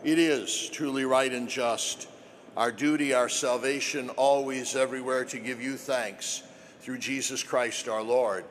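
A man speaking as a priest at Mass, solemn and measured, preaching and praying in liturgical style. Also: mid-range voice, steady tone. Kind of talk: homily and liturgical prayer. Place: church during Mass. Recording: background noise behind the voice.

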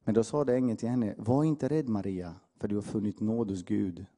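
A male preacher delivers an impassioned sermon in a dark, mellow voice. He pushes hard on his calls to the congregation, then drops low for quiet asides. His carries a slight edge. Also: fairly even intonation. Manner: impassioned, swings from loud exhortation to hushed asides.

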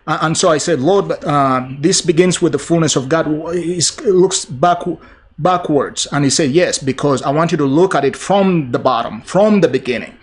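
A middle-aged man from Uganda preaching a sermon, slow and emphatic, with frequent fillers and restarts. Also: on the high side, slightly rough.

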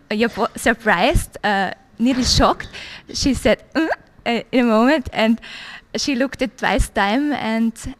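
A native German speaker from Austria in her thirties gives a church visitor's testimony in English during an interview, with an Austrian German accent. She sounds hesitant, with many pauses and fillers, and her voice is on the high side.

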